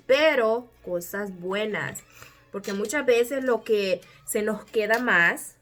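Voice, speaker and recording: A woman's voice: mid-range voice, a bit bright. A woman whose first language is Spanish, teaching English letter sounds and carefully spelling out each word. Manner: slow, careful, drawn-out spelling.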